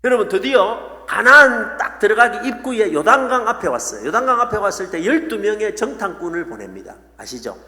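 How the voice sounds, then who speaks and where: Lively male preacher. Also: high-pitched, brisk, hardly any pauses. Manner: animated storytelling with playful asides. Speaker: pastor. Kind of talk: revival sermon. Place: church sanctuary. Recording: echoey church hall.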